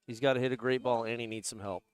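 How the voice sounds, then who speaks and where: A man co-commentating on a sporting event, terse and steady, reeling off scores and quick affirmations. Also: mid-range voice, clean tone, dry recording.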